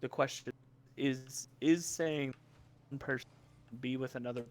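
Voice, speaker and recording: A man's voice: mid-range voice, steady tone, measured pace. A man talking hesitantly over a remote call link, his audio cutting in and out as the connection drops. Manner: hesitant, restarting phrases. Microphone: own mic over a call link.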